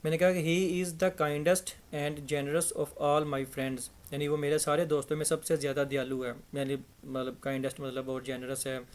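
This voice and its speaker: In a laid-back grammar lesson, a young English teacher chats with a voice on the higher end for a man. He repeats example words slowly, drawing them out syllable by syllable to help with pronunciation.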